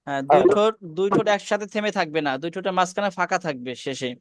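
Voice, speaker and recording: High, smooth-voiced man teaching letters. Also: expressive. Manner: patient, repeats letters slowly for students to echo. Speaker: Quran teacher. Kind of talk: online class, pronunciation drill. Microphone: video call.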